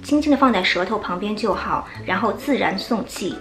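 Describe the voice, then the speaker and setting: A woman whose first language is Chinese teaches English pronunciation at a mid pitch. She explains step by step and slowly repeats practice words. Her voice sounds echoey, with faint music underneath. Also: animated, fairly bright tone. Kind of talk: pronunciation lesson.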